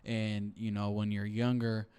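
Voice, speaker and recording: Young guy in his 20s on a podcast, low even voice, smooth, lots of "like, you know". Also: measured pace. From Seattle, USA. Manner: reflective, with many "like" and "you know" fillers. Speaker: podcast guest. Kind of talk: casual interview talk.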